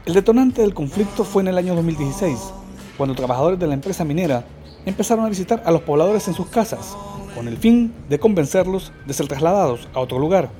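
A man reading a scripted radio news report in a measured, even way. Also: high-pitched, faint music behind. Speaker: field reporter.

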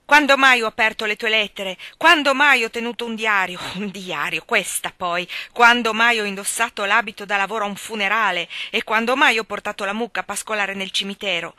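A woman reading aloud voices an old man in his sixties who shouts his indignation. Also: mid-range voice, moderate pace, dry recording. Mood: furious shouting. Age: 60s. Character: angry old man, bushy brows, bad-tempered.

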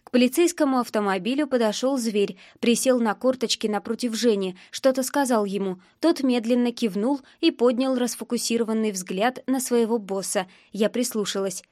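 A woman reads a first-person novel aloud as an audiobook narrator. Her telling is tense and emotional. Her voice sits fairly high, and the recording is dry and close. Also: normal speed, few pauses, darkish tone, no echo.

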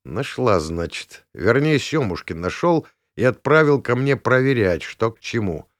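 A man reading an audiobook, voicing an injured young man in a hospital bed who speaks quietly and wearily. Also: medium pitch, sing-song, unhurried, no room sound. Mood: weary. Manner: quiet, tired, dry. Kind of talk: audiobook character voice.

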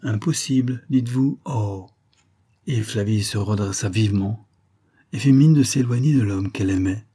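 A man reading a novel aloud as an audiobook narrator in a calm, measured way. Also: on the low side, husky.

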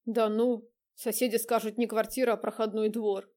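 A woman voicing an angry, jealous young man with a coarse, shouting manner in an audiobook. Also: a little high, level tone, moderate pace, natural voice. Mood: subdued.

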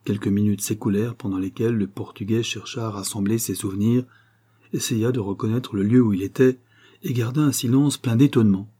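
A man reads a classic novel aloud in a measured, even audiobook style. His voice is low, dark and a little husky. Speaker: audiobook narrator. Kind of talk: scripted audiobook narration.

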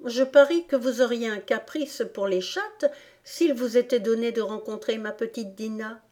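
A woman's voice: fairly high pitch, moderate pace, a little mellow, voice pushed up, lightly acted. A woman reading an audiobook, voicing a polite, eager young girl in a raised, sweet voice. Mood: doting.

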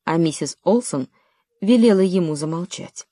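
A woman narrating a children's story in a calm, even way. Her voice sits low and mellow, recorded close and dry with no room around it. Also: normal speed, no echo. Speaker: audiobook narrator. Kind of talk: scripted narration.

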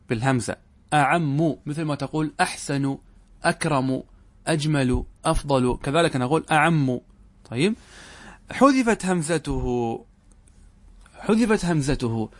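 A middle-aged man giving a classroom lesson on Arabic grammar, asking questions and repeating key words slowly for emphasis. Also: a little high, no echo.

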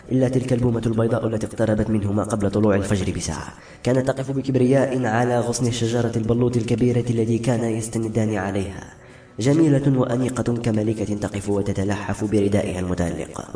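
A man narrating a novel in an expressive, dramatic reading. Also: on the low side. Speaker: audiobook narrator. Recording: roomy audiobook recording, faint music.

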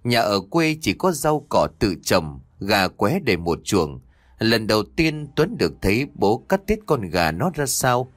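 A man's voice: on the low side, sing-song, measured pace, no room sound. A man narrating a ghost story with dramatic storytelling.

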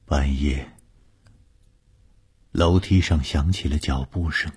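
A man narrating a horror audiobook slowly, building suspense. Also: rumbling low, darkish tone, slightly rough. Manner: slow, suspenseful storytelling. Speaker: storyteller.

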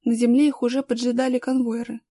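A woman narrating a children's story chapter in a steady, even audiobook reading. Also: a little high, fast, no room sound, studio quality.

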